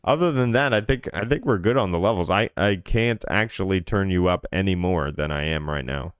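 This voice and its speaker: Brief: low, resonant male co-host, rambling gaming chat. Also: lively intonation, brisk, smooth. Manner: chatty, self-deprecating, rambling with fillers. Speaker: podcast co-host. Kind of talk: casual gaming podcast chat.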